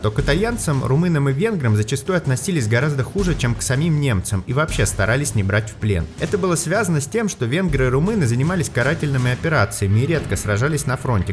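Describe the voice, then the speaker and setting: A man presenting scripted history narration with explanatory, opinionated commentary. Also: mid-range voice. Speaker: history channel host and narrator. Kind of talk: scripted documentary-style narration. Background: background music.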